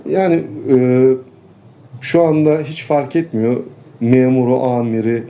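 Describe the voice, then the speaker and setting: A man, a farmer and local official, talking earnestly in a street interview and pausing often with fillers. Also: mid-range voice, mellow. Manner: earnest, complaining, halting with fillers.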